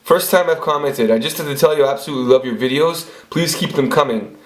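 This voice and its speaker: A vlogger in his forties tells crude, rambling stories in a casual monologue, swearing often and frequently restarting his sentences. His voice is mid-range and his pace quick.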